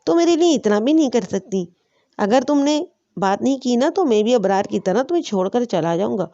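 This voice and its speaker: A woman's voice: on the high side, lively intonation, dark tone. Brief: woman voicing a selfish young man, pushy and coaxing, dull audio. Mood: pressing. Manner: pressing, coaxing.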